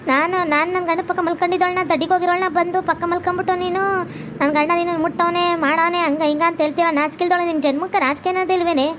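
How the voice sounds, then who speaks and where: A woman's voice: very high voice, a bit bright, a little hiss or hum. A woman voicing a conniving, quarrelsome young housemaid. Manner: accusing, pleading and conniving.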